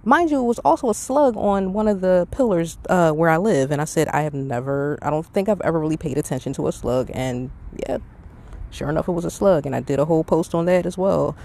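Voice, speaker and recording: A middle-aged woman hosts a podcast in a low, creaky, dark voice that runs a little fast. Her monologue is casual and reflective, delivered in an earnest, conversational, emphatic way.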